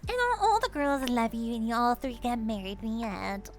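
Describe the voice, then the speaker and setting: Playful woman with a swooping, lively voice. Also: moderate pace. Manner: playful, giggly, swooping pitch. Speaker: streamer playing a goddess persona. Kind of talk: improvised comic storytelling. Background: music.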